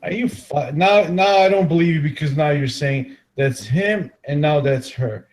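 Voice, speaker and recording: A man's voice: a little high, moderate pace. A man in his forties, hosting a casual group voice chat in a blunt, teasing way with frequent restarts. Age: 40s.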